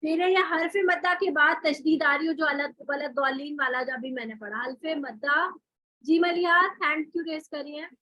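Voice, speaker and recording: A woman's voice: sits high, normal speed, bright, forceful tone, no echo, low-quality recording. Woman teacher, recitation lesson, step-by-step explanations, dry close sound. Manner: explains step by step with rhetorical questions and spoken examples. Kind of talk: online class instruction.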